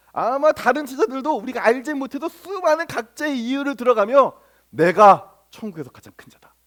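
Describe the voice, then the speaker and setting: Male pastor, very high voice, storytelling sermon, rhetorical questions.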